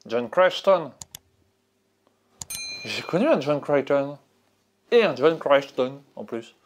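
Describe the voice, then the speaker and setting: Playful French YouTuber woman, lively. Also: extremely low pitch, slow, dull audio, a little hiss or hum. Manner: playful, hesitant with fillers. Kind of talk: casual chat.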